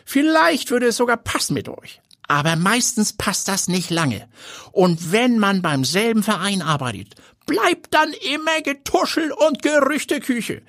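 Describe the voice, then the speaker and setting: A dry, knowing elderly grandfather who speaks slowly and sets out facts as if teaching a class. The voice sits high and thin for an old man and carries a husky grain. The delivery is animated and full of rises and falls. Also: full character voice. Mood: fatherly. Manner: slow, lecturing.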